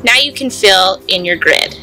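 A young woman, a farm educator, giving clear, patient step-by-step gardening instructions. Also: medium pitch, animated, unhurried, bright, forceful tone, faint music behind, rough recording. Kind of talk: instructional demonstration.

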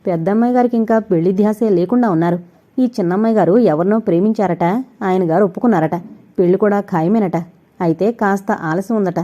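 A woman's voice: mid-range voice, quick pace, dark tone, lightly acted. A woman voicing a gossipy forty-year-old male servant who confides household rumours. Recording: dull lo-fi recording.

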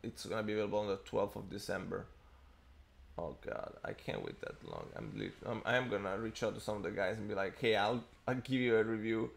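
A very animated Italian man in his thirties talks a little fast in a lowish voice with vocal fry. He's rambling casually, heavy on fillers, during a tech livestream, sitting in a bookshelf-lined home study and using an earphone headset mic on webcam.

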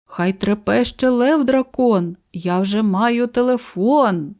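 A woman's voice: fairly high pitch, slow, darkish tone. A woman voicing a boastful, bossy female zebra who calls herself a queen, in an audio storybook of children's verse. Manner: shrieking, bossy.

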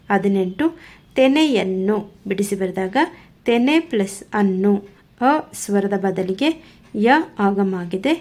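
Woman, grammar teacher, slow unhurried delivery, methodical, repetitive explaining. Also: medium pitch, a little mellow. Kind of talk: grammar lesson.

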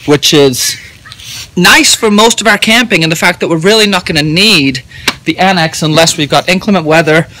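A man's voice: a little high, moderate pace, sharp tone. A man in his thirties walking through his camping gear outdoors, with dry joking asides. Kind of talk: casual gear walkthrough. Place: outdoors in a driveway and at a campsite.

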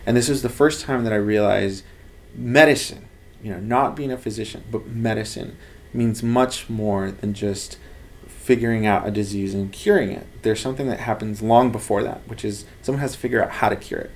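In a bookshelf-lined office, a thirty-something lab head from Los Angeles, United States, chats casually and with earnest animation about his work for an interview. His voice is lowish and moderately paced, with a little hiss or hum on the recording.

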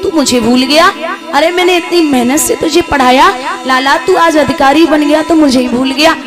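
A woman's voice: sits high, moderate pace, close to an everyday voice. A woman storyteller voicing a devoted, pleading poor old mother, with music playing behind. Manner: pleading, tender.

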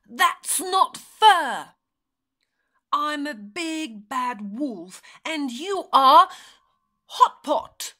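A woman's voice: high voice, big pitch swings, slow pace, bright, forceful tone, exaggerated voice. Woman doing a grumbling old storybook wolf. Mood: torn. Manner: groaning, grumbling, sometimes howling. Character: hungry gruff old male wolf, softhearted.

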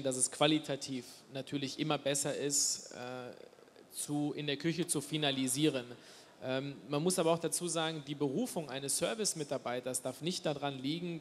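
A man's voice: fairly high pitch, a little hiss or hum. A man from Spain speaking emphatically in a panel discussion. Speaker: panel guest. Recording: long reverb hall with faint ambience.

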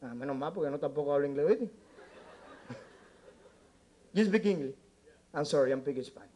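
A man's voice: on the high side, animated, normal speed, mellow. A man with a Cuban accent doing live stand-up in a nightclub, brashly teasing the audience and slipping into broken English. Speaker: stand-up comedian working the crowd.

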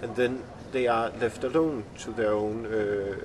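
A man's voice: mid-range voice, steady tone, noisy background. Danish-accented man, recorded a little far off. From Denmark. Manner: halting, searching for words. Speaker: filmmaker being interviewed. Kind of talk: reflective interview answers. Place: outdoor courtyard among glass buildings. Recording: distant mic outdoors, urban bustle behind.

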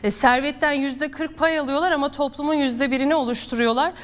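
A woman news anchor speaks with a high voice. She is formal and measured, and she addresses her guest politely as she presents and asks questions. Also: steady tone.

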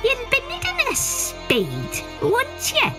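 A woman's voice: very high voice, wildly swooping pitch, slow pace, music in the background, pitched above the performer's own voice, exaggerated voice. A woman voicing a sly little old male leprechaun, wheedling and tricky.

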